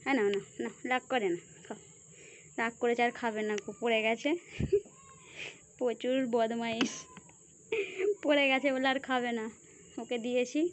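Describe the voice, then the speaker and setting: Brief: high-voiced woman, coaxing sing-song baby talk to a pet, noisy home recording. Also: steady tone, normal speed, pauses often. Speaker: pet owner filming her pet.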